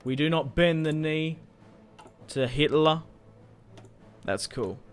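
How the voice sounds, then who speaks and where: A gaming YouTuber, a young man with a slightly high voice, takes it slowly as he plays a strategy game and offers casual let's-play commentary, chatty and rambling with the occasional swear.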